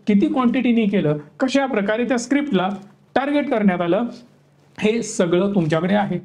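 High-pitched man lecturing on markets. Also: mellow. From Maharashtra, India. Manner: rhetorical, questioning, listing points in rapid series. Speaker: stock market educator. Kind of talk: opinion talk to camera.

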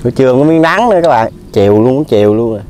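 A man's voice: mid-range voice, animated, fast talker, darkish tone, slight background noise. Young male host, Mekong Delta accent, jokey, talks to camera in open field. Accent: Southern Vietnamese (Mekong Delta). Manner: jokey, addresses viewers directly. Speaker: vlog host. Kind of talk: casual outdoor cooking vlog. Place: rice field bank outdoors.

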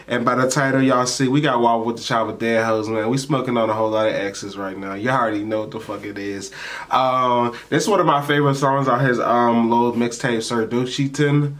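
A man's voice: medium pitch, steady tone, a little fast, a bit bright. A young adult American man hosting a casual reaction video in emphatic, profane street slang. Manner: emphatic, slangy street talk with frequent swearing.

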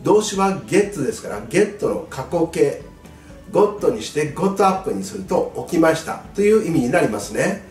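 A man tutoring exam students in English grammar, patient and clear, stressing key words with a rise in pitch. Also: big pitch swings, measured pace, darkish tone, recorded from a distance. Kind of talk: lesson explaining grammar. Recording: echoey room, voice away from mic, faint music.

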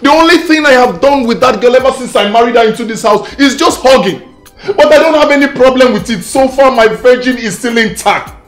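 An actor with a Nigerian accent playing a frantic young husband, pleading and repeating himself in an overwrought way. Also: male voice, extremely high pitch, lively intonation, brisk, faint music behind. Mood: distraught. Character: frantic, panicky young husband obsessed with his bride. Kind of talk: film comedy acting.

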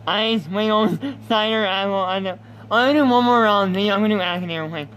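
High-voiced young man rambling through a game. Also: fast, a bit bright, a little hiss or hum, low-quality recording. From United States. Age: 20s. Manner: rambling, reads questions aloud and answers them offhandedly. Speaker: YouTuber. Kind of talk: casual gaming commentary.

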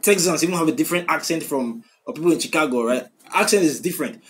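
A man hosting a music reaction video, talking in an excitable, casual way and repeating phrases and "bro" a lot. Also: a little high, quick pace. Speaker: music reaction channel host.

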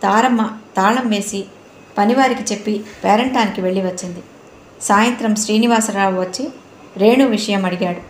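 A woman reads a novel aloud in a steady, measured narration at an ordinary middle pitch. Her voice carries a roomy echo, with a faint hiss underneath. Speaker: audiobook narrator. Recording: roomy room, faint noise.

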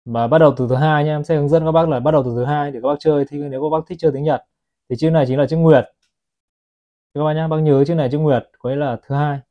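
A man's voice: on the high side, highs cut off. A man selling watches, chatting to his viewers as he films a product review on his phone. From Vietnam. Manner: chatty, keeps addressing viewers as "các bác". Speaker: watch seller.

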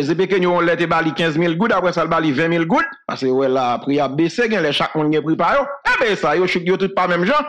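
High-voiced Haitian man rambling through news. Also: a bit bright. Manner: rambling, laughs often, switches between Creole and French. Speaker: online news commentator. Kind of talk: casual commentary.

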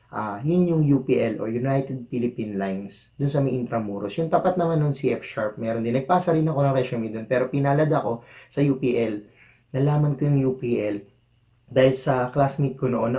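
A vlogger in his thirties with a Filipino accent, once a cruise ship chef, sits at a desk in a small room offering encouraging career advice to the camera in front of him. His voice is warm and medium-pitched, and he speaks earnestly, gesturing with his hands in this casual advice vlog.

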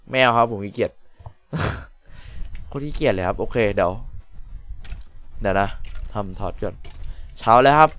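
A man's voice: fairly low pitch, a bit bright, smooth. A young man giving casual, crude, joking commentary while playing a computer game on a desk mic. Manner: crude, joking, self-mocking. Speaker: gaming YouTuber. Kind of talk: casual Let's Play commentary. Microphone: desk mic with noise reduction.

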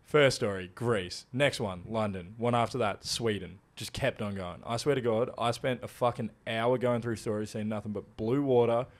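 A young Australian man co-hosting a podcast, telling a tall story in a casual, animated way, swearing often. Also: lowish voice, normal speed, hardly any pauses. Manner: animated, swears a lot, laughs through his stories. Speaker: podcast co-host.

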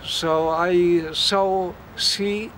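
A young volunteer from Poland answers questions outdoors on a playground in slow, halting English full of fillers and restarts. His voice sits a little high, and a clear hum of outdoor noise runs under it. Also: fairly even intonation, a bit bright. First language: Polish. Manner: slow, hesitant non-native English with many fillers.

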